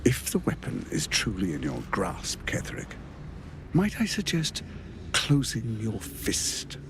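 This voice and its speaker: Smug, lively scheming villain lord. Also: male voice, on the low side, measured pace, noisy background, heavily acted. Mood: commanding. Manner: theatrical, mocking, articulate. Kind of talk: dramatic video game acting.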